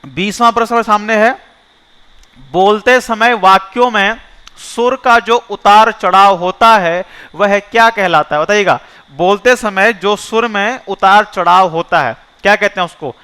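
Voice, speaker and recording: A man's voice: high-pitched, bright, forceful tone, clean tone. A male teacher going through a mock exam. He reads each question aloud, quizzes the listeners, and then gives the answer himself. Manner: repeats each question and asks listeners before giving the answer; slows down to spell out options, speeds up when asking. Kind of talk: mock test walkthrough lesson.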